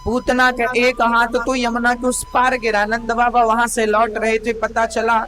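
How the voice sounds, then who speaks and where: A man telling devotional stories in a sermon with a North Indian Hindi accent, dramatic and addressing his listeners warmly as mother. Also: very high voice, monotone, a little slow, soft background music. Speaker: Bhagavat katha preacher.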